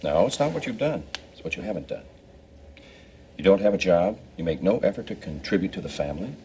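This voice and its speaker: Animated middle-aged father, noisy recording. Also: low voice, fairly quick. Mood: stern, measured. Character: firm, dryly teasing family father. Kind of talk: television soap opera acting. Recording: clear background noise, room ambience.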